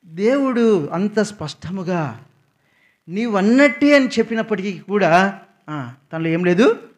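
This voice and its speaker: A man preaching a sermon in a prayer house, who keeps asking the congregation questions, answers them himself and stresses key words loudly. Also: high-pitched, expressive, measured pace. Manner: repeats key words with sudden loud emphasis.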